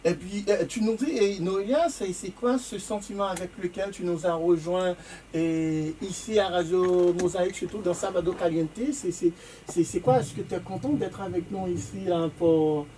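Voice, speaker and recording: A woman's voice: fairly low pitch, steady tone, moderate pace, dark tone, recorded from a distance. A woman hosting a casual radio interview in a studio, hesitant and repeating her words. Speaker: radio host. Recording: off-mic with faint noise.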